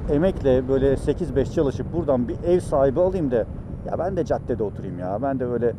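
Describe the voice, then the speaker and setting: A man's voice: mid-range voice, animated, fast. A man talking casually and ramblingly to viewers from inside a helmet as he rides a motorcycle through city traffic, in a motovlog style. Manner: rambling, conversational, addresses viewers directly. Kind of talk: casual vlog chat while riding a motorcycle. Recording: loud traffic and engine noise.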